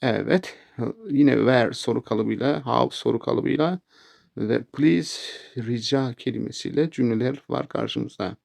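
A man teaching a language lesson, saying English phrases slowly and clearly and then giving their meanings. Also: mid-range voice, darkish tone.

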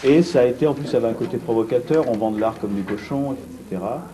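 A middle-aged man seated in a gallery cellar, answering an interview in a blunt, brisk way with many restarts. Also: medium pitch, a crowd in the background, rough recording. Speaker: art fair organizer. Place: vaulted brick gallery cellar, indoors.

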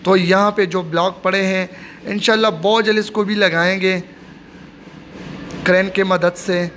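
Man, high voice, casual phone-filmed site tour vlog. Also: fairly even intonation, moderate pace, a bit bright, slight background noise. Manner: repetitive, plain commentary while filming. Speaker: vlogger giving a site tour. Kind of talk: casual walking tour narration. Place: outdoor construction site of a stadium. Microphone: handheld phone.

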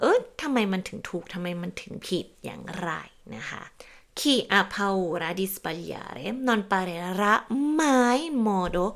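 Gentle creaky-voiced woman teacher. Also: mid-range voice. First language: Thai. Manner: gentle and encouraging, often switching into slow spoken Italian; adds a soft confirming particle to many sentences. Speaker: Italian teacher. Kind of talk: casual language lesson.

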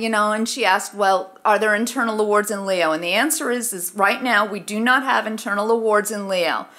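A woman's voice: mid-range voice, pushed and bright. A middle-aged woman giving an informal, explanatory instructional presentation at a lectern in a conference room. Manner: conversational, explanatory. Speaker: presenter, research office staff. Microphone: gooseneck lectern microphone.

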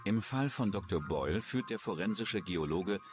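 A man with a low, expressive voice reads scripted true-crime documentary narration at a moderate pace. Music plays under his voice.

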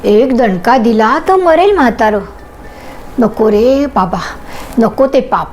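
A woman narrating a short story in a gentle, unhurried way. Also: fairly high pitch, lively intonation, a little hiss or hum, poor audio.

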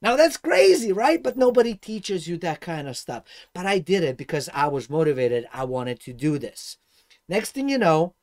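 A man from Serbia in his thirties with a Serbian accent, talking to a webcam about personal finance in an animated, gesturing way. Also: on the high side. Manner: animated, gestures a lot, swings between loud and soft. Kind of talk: casual vlog monologue. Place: dark room indoors.

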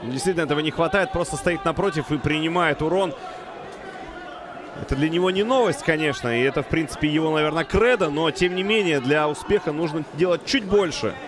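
High-voiced man commentating over loud crowd. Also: fairly quick. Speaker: fight commentator. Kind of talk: excited live sports commentary.

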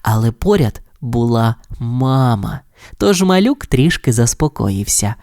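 A narrator reading a children's audio fairy tale in an expressive, lilting storytelling voice. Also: mid-range voice, measured pace, no echo, clean studio sound.

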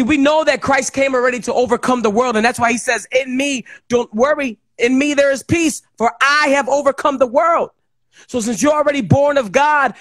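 Praying over his guest, a host launches into fervent, impromptu exhortation delivered in an emphatic preaching manner. His voice is extremely high and fairly bright, recorded dry.

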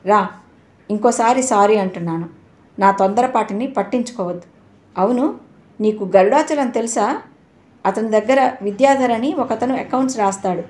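A woman voicing a short-tempered, blunt, wealthy middle-aged father in a storybook reading, speaking loudly and abruptly. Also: fairly high pitch, normal speed, pauses often, lightly acted. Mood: apologetic. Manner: scolding, loud and abrupt.

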